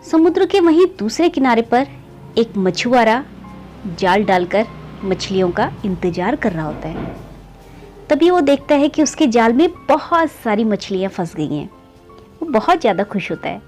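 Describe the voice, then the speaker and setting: With faint music playing behind her, a slightly mellow woman tells a moral story at a moderate pace, her pitch swinging widely. Chatting as if with friends, she repeatedly calls listeners "friends" and raises her voice as each story beat arrives.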